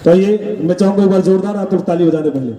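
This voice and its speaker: A man's voice: high-pitched, fast. A man hyping a crowd as rally master of ceremonies, with rousing introductions and chants. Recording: muffled echoey PA, crowd noise, distant.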